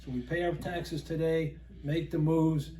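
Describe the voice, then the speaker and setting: A man who works as a financial advisor, calmly explaining money planning in a casual chat. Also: on the high side, unhurried.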